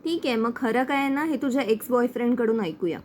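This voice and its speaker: An accusing young woman exposing her sister-in-law, voiced simply by a woman recapping a serial. The voice sits fairly high. The delivery is a steady reading. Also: fast, slight background noise, lightly acted. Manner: plain reading of quoted lines.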